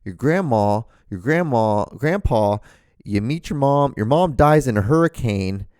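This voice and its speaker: Animated but unhurried, he has a smooth, mid-range voice that's a little mellow. A man in his thirties from Honduras, he hosts a solo podcast from a room at home, seated before a camera at a studio mic with earphones, rambling casually and profanely and often restarting. The recording is dry and clean studio sound.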